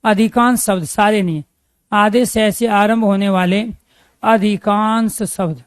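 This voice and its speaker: High-voiced man teaching a grammar lesson. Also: steady tone, a little slow, clean tone, no echo. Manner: repeats key phrases, asks and answers own questions.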